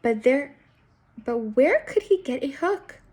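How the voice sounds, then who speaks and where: This woman's high voice swings widely in pitch and has a darkish tone, and she takes her time. She reads a picture book aloud to young children much as a teacher would, expressive throughout and asking her listeners guiding questions directly.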